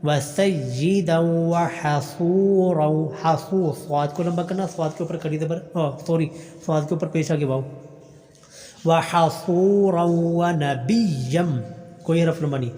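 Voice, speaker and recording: Man, Quran teacher, slow chanted recitation, quick plain explanations, slightly high voice, long reverb. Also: steady tone, mellow, soft background music. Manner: recites verses slowly in a drawn-out chant, then explains quickly; patient, repeats and corrects.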